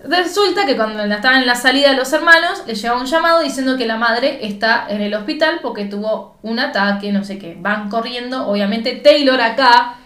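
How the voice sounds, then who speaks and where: A young Argentine woman chatting animatedly and throwing in slang and exclamations. Her voice is fairly high and sharply bright, and it rings in an echoey room. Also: brisk, few pauses. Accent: Argentine Rioplatense. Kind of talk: casual chat recapping a film.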